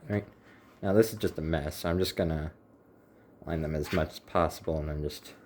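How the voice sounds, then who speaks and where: Deep-voiced man rambling in his kitchen. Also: fairly quick, darkish tone, a little hiss or hum. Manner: rambling, chatty self-talk with wry asides. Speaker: home cook, channel host. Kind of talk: casual cooking vlog. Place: home kitchen.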